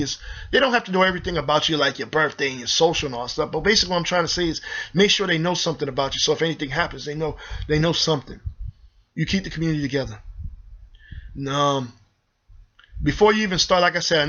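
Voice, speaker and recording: In a vlog, a man goes on a fast, forceful rant, repeating himself and preaching at his audience, whom he calls "y'all." He's the video host, with a somewhat high, tense voice and a sharp tone, recorded with dull, lo-fi quality.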